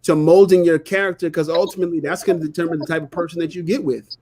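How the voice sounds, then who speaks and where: Co-hosting a casual live talk stream, a man lays out his views earnestly and explains them, hammering points home through repetition and often saying "you know what I'm saying." His voice sits on the high side, mellow and fast, with fairly even intonation.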